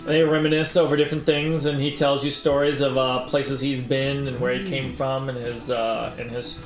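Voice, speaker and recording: A man's voice: medium pitch, level tone, normal speed. A man narrating a tabletop game as game master, improvising in a hesitant, searching way. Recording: roomy table recording with music behind.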